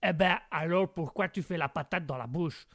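A man's voice: fairly high pitch, very animated, slow, bright, forceful tone, slightly rough, exaggerated voice. A man putting on a snooty mock-English gent. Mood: scolding. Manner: affected mock-English accent peppered with "old boy". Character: posh mock-English gentleman, haughty and scolding. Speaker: co-host.

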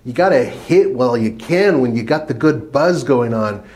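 A man co-hosting a podcast, chatting casually and telling stories in an animated way. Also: mid-range voice, normal speed. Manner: animated storyteller. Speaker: podcast co-host. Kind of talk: casual chat about trucks.

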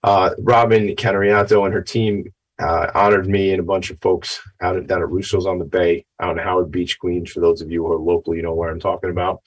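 This is a middle-aged man with a gravelly, fairly low voice. He sounds a little tired, and he talks like a chatty, folksy show host delivering an informal opening monologue. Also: level tone, brisk, poor audio. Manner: folksy, chatty, self-branding patter. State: a little tired after a late night.

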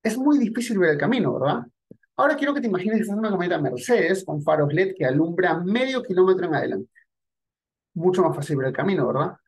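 A man with a high, husky voice and lively intonation talks fast. He's a sales coach teaching sales techniques in a direct, conversational instructional monologue addressed to the listener.

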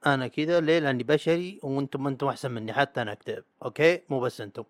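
A man hosts a solo podcast episode, half reading and half riffing. He talks quickly and casually, stumbling over words and chuckling at his own slips. The room sound is dry and close. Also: mid-range voice, no echo. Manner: casual and chatty, trips over words and laughs at himself. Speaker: podcast host. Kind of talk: solo podcast monologue, partly read from a script.

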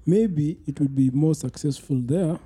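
A man's voice: fairly high pitch, unhurried, mellow, slightly rough. A man, talking casually as a podcast panellist. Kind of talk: casual discussion.

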